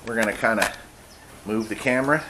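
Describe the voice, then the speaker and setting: Speaking fairly quickly in a fairly low, pushed and bright voice, this middle-aged man runs a casual cooking show at home. He chats away and cracks jokes to himself as he works. The roomy kitchen audio comes from a far-off mic, and background noise is clearly audible.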